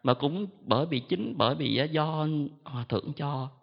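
A male Buddhist monk gives a relaxed, self-mocking talk, pausing often on a drawn-out "à". His voice has a gravelly edge. The sound is dull and lo-fi, with a long echo from a large hall. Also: on the high side. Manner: chatty, self-mocking, fills pauses with drawn-out "à". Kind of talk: storytelling dharma talk to an audience.

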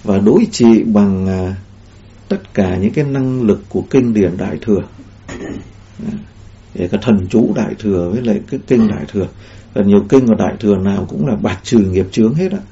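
A man's voice: lowish voice, brisk, mellow. A man giving a Buddhist dharma talk in a rambling way, with many fillers and restarts. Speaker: Buddhist teacher. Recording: dull lo-fi recording.

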